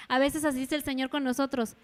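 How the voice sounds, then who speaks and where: A woman with a Mexican Spanish accent preaches a sermon with a high, bright voice. She slips into voices of God, a child and a mother as she goes. Her words ring out through a church hall with a long echo. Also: level tone, fast.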